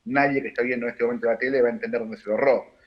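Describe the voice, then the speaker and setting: A man with a Rioplatense Argentine accent, a political analyst giving measured, analytical answers on a panel, with frequent fillers and restarts. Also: medium pitch, fairly even intonation, highs cut off. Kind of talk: broadcast panel discussion.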